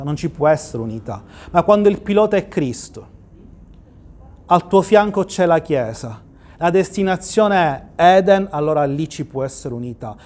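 A pastor preaching a livestreamed sermon in church, asking rhetorical questions and quoting scripture. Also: male voice, fairly high pitch, darkish tone.

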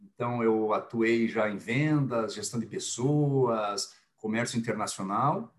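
A man in his forties from Curitiba, Brazil, with a Curitiba Brazilian Portuguese accent, a podcast guest talking in a relaxed, friendly, chatty way. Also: fairly low pitch, a little slow. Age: 40s. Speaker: podcast guest, business executive. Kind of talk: casual podcast chat.

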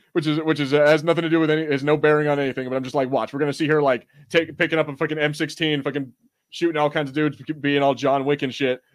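This man's voice sits on the high side, with a flat delivery and a quick pace, captured in a dry recording. As a podcast co-host, he banters in slangy, rambling fashion with occasional swearing, reviewing a TV show and reading the live chat.

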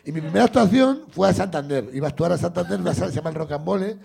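A man with a rough, gravelly voice that sits high for a man. He tells a comic anecdote in casual chat, animated and lively, jumping into the voices of the people in his story. His tone is husky rather than clean. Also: racing. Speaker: comedian host.

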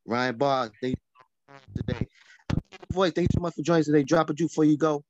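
A man hosting a podcast, announcing milestones and thanking guests in a brisk casual way. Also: a little high, muffled recording, noisy background. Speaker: podcast host.

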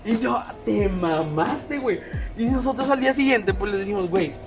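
A man with a Mexican Spanish accent telling a rowdy anecdote in casual, swearing chat, loudly acting out what people said. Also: very high-pitched, fast, soft background music. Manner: animated, swearing, acts out quotes loudly. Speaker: podcast co-host telling an anecdote. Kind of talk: casual storytelling among friends.

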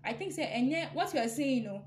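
Lively female podcast guest, rapid and higher-pitched, echoey room with clear background noise and clicks. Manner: animated, mixing in local phrases. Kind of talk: casual podcast chat.

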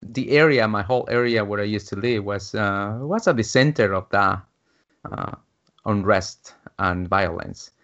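A man's voice: lowish voice, measured pace, fairly bright tone. Hesitant man from Guatemala, dull audio. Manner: hesitant, many fillers and restarts. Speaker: guest, business coach. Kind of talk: casual interview storytelling.

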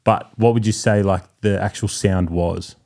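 Young aussie guy hosting a chill podcast, low dark voice, matey and easygoing. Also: steady tone, moderate pace, gravelly. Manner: easygoing and matey, short prompts. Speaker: podcast host. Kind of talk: casual podcast interview.

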